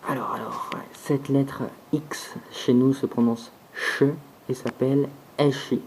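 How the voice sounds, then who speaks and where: A man giving an alphabet pronunciation lesson, slow and deliberate, repeating each sound several times, recorded on a phone. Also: mid-range voice, level tone, background noise. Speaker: language teacher.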